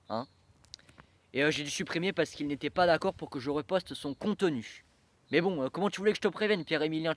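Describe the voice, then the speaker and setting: A man's voice: fairly high pitch, no room sound. A young man talking to camera in a casual vlog, rambling with many fillers and restarts. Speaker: train-spotting vlogger.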